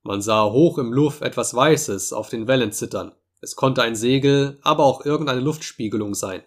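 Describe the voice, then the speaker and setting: A man narrating a classic novel as an audiobook, in a steady, measured storytelling voice. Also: medium pitch. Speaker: audiobook reader. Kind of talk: scripted narration.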